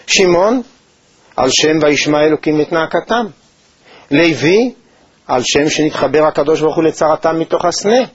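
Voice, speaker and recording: A man teaching a Torah lesson in a measured, thoughtful way, with pauses and hesitations. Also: a little high, animated, breathy edge, dry recording. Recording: dull, lo-fi recording.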